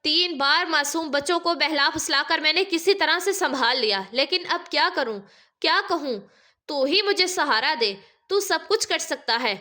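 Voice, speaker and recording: A woman's voice: high-pitched, lively intonation, bright, forceful tone. A woman voicing a tearful praying mother. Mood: tearful pleading. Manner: tearful pleading prayer. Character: grieving devout young mother.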